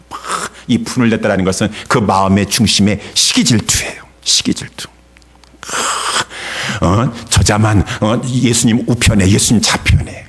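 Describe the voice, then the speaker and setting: Dramatic preaching man. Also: lowish voice. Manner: dramatic preaching, asks the congregation questions. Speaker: pastor. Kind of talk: sermon.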